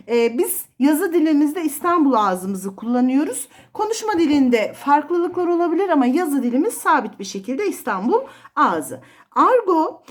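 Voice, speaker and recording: A woman's voice: high-pitched, darkish tone. A woman literature teacher giving an explanatory exam review lesson, listing terms with frequent fillers.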